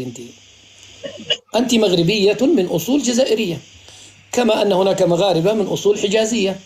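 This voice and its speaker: A man from Morocco hosting a live stream, speaking in a measured, advising and reassuring way. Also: high-pitched, a little mellow, slight background noise. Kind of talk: casual live-stream chat.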